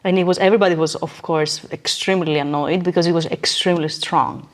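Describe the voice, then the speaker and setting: A woman appears as a podcast guest, reflecting on her own experience in a casual conversation. She is emphatic and often checks in with the listener, speaking quickly in a steady, fairly low voice.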